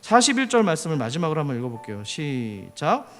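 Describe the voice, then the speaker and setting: A man's voice: on the high side, very animated, quick pace, fairly bright tone, faint music behind. A man preaching a sermon as pastor, often putting questions to the congregation.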